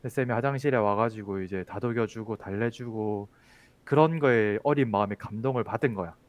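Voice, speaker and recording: Man telling a relaxed story. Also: lowish voice, brisk, highs cut off. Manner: relaxed storytelling, many fillers. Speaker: teacher. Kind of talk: casual chat.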